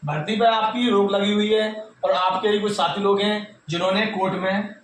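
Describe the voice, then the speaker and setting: With a high, steady voice at a moderate pace, a man with a North Indian accent informally briefs students on exam news for his YouTube channel. He restates his points and speaks directly to listeners, while a distant mic picks up heavy room echo and faint noise.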